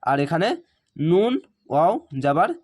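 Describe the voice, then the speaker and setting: A fairly high-pitched man leads a Quran reading lesson. He sounds out syllables one by one, then rushes through his explanations in a relaxed, conversational way. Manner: spells out Arabic syllables slowly, then explains in quick conversational asides. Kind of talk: spelling-out recitation lesson.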